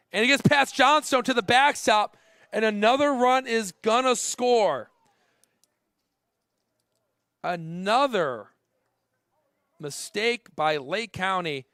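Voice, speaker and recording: A man calls a minor league baseball game pitch by pitch, filling the gaps with relaxed asides. His voice sits a little high, and it jumps in pitch and loudness when a play breaks open. The sound is dry and close, with no room around it. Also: vocal fry, no room sound. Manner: rises to excited shouting on big plays, conversational asides between pitches. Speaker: play-by-play announcer. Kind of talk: live baseball play-by-play commentary.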